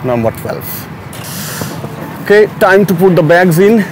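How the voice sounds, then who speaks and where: A man's voice: high-pitched, lively intonation, a little slow, rough recording. A man on a travel vlog who explains each step of a train trip to viewers as he goes. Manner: strains and groans while lifting heavy bags. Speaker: travel vlogger. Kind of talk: casual travel vlog narration. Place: outdoors, in a car and at a train station. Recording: loud street and traffic noise.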